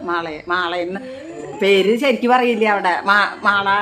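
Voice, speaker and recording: An older woman from Kerala, a resident of an old age home, chatting softly and rambling. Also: mid-range voice, measured pace. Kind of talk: casual chat. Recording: crowd chatter behind.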